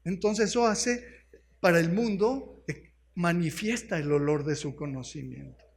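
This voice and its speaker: A man with a Mexican accent preaching a sermon as pastor, often pausing to ask the congregation questions and explaining words one by one. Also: on the high side, vocal fry. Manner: keeps asking the congregation questions.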